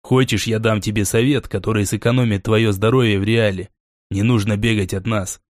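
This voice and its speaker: A man's voice: fairly low pitch, fairly even intonation, fairly quick, a little mellow, no room sound, clean studio sound, close to an everyday voice. A man voicing a cocky, cruel clan leader who taunts his defeated enemy. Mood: mocking.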